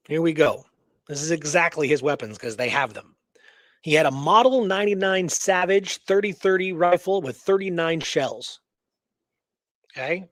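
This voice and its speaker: A man with a slightly high voice co-hosts a conversational radio show, presenting a true story. He reads his notes deliberately, stressing the details, then slips into casual commentary. The sound is very dry, with no echo or room to it.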